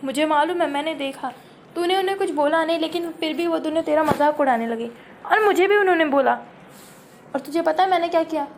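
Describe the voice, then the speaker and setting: A woman voicing a calm, scheming elder sister. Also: sits high, a little fast, slight background noise, pitched below the performer's own voice. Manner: soft, amused, coaxing. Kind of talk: homemade comic family sketch.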